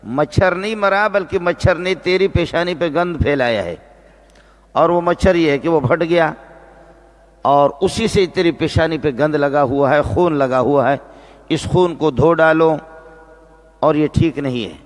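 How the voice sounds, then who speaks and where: A man preaching a religious sermon, repeating phrases and slowing down to stress key words. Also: on the high side. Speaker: Islamic preacher and teacher. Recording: long reverb of a large hall.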